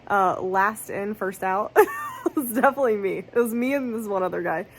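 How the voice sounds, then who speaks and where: Tired and congested, a book vlogger in her thirties chats at medium pitch and normal pace. Her casual vlog rambles, with self-corrections and fillers like "like," captured as a lo-fi phone clip with faint noise in the background.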